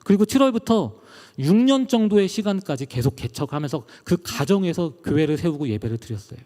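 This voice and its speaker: A middle-aged male pastor preaches a personal testimony sermon. His fairly high voice rises and falls with feeling, and it is very lively in pitch. Long reverb from a large hall trails each phrase. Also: fairly quick. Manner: emotional, rising and falling delivery.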